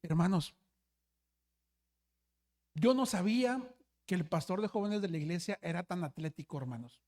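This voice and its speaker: A man's voice: sits high, expressive, moderate pace, darkish tone. A man who is a pastor, preaching a sermon and telling a story, with frequent restarts and constant asides to his listeners. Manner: storytelling, often says hermanos, frequent restarts.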